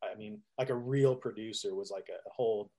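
A man's voice: lowish voice, brisk, warm tone. A middle-aged man, a musician, telling stories in a casual interview, rambling with restarts, laughing often and acting out quoted lines. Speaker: musician guest.

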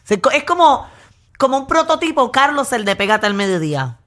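A woman's voice: sits high, sing-song, brisk, very noisy. A woman with a Puerto Rican accent co-hosting a radio show, chatting casually and gossiping with laughter. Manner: gossipy, laughs while talking.

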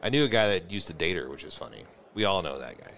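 A man's voice: low-pitched, very animated, fast, gravelly, a bit bright. A man co-hosting a podcast from a bar, telling loose, jokey stories and swearing freely. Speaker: podcast co-host. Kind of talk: casual bar chat.

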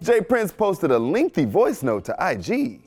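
A man's voice: on the high side, huge pitch swings, measured pace, a little mellow, husky. A man hosting an entertainment news show, reading scripted narration with playful asides. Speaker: news host.

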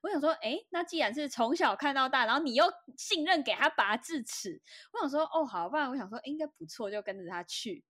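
Animated high-voiced Taiwanese woman. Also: brisk, hardly any pauses, no echo, studio quality. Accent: Taiwanese Mandarin. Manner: animated, dramatic retelling with laughter. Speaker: podcast co-host. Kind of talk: casual storytelling chat.

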